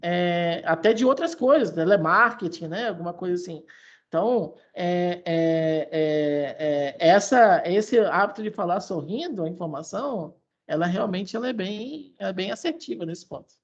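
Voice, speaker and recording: Brief: woman, voice expert, breathy tone, stop-start explaining. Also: on the low side, muffled recording. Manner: halting, with many restarts and fillers. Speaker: voice expert guest. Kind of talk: explanatory conversation.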